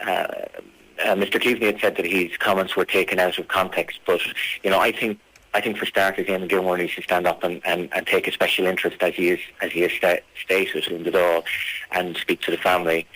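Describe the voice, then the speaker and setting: A man being interviewed on radio as a campaigner, speaking formally and insistently, with halting phrasing. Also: sits low, fairly bright tone, rough recording.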